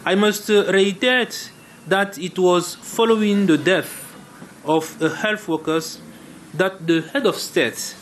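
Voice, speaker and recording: A man with a Cameroonian accent delivering a formal, halting prepared statement as a government health official. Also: sits high, a little hiss or hum.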